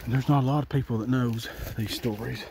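A man's voice: medium pitch, steady tone, brisk, creaky. An older man, a little out of breath, telling a rambling folksy story while hiking through the woods. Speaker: outdoor storytelling vlogger. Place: outdoors in woods by water. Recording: noisy outdoor ambience.

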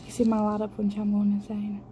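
An amateur storm videographer, a scared woman, gives shaky, breathless running commentary into her handheld phone, exclaiming as she films. Her medium-pitched voice is mellow yet monotone and a little quick. The noisy phone recording carries storm ambience.

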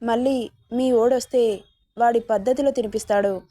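A woman's voice: fairly high pitch, steady tone, moderate pace, dark tone, dry recording, clean studio sound, natural voice. A woman voicing a young woman friend who teases and scolds her friend into eating. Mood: teasing. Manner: bossy, teasing.

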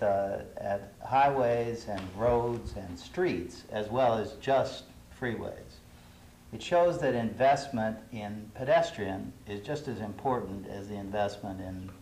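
A middle-aged man, an urban planner, speaking in a measured, thoughtful way with some hesitations on a studio panel. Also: lowish voice, darkish tone. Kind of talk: panel discussion. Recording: roomy studio with faint hiss.

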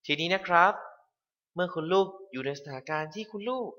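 A man narrating a scripted English lesson for parents, polite and clear, reading the English phrases slowly. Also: fairly high pitch, lively intonation, bright, forceful tone, muffled recording.

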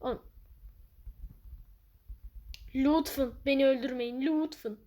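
A woman with a high voice gives gameplay commentary at an unhurried pace. She is excitable and playful, and swings from chatty remarks to loud outbursts. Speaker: gaming channel host.

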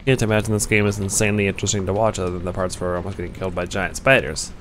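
Low-voiced man streaming a game. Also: level tone, racing, a bit bright, slight background noise. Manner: rambling, chatty with viewers, swears often. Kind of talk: live gameplay commentary.

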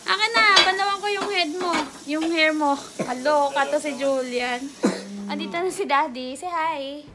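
A woman's voice: high voice, moderate pace, heavy background noise. A woman, a mother vlogging casually at home, chatting while mixing Tagalog and English. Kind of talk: casual vlog.

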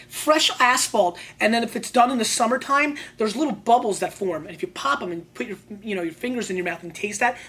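A medium-pitched woman hosts a wine show, offering sommelier-style tasting notes. She speaks colloquially and emphatically, repeating phrases for emphasis.

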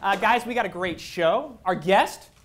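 A man's voice: high voice, lively intonation, unhurried, a bit bright, faint music behind. A man in his thirties hosting a late-night comedy show, delivering a monologue of punchy late night jokes. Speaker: talk show host. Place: small indoor theatre stage. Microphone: lapel mic. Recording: stage recording with background noise.

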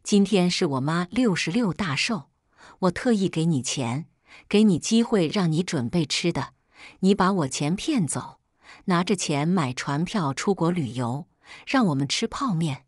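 A woman's voice: lowish voice, animated, a little slow, no room sound, clean studio sound. A woman voicing an angry young man who scolds harshly over the phone.

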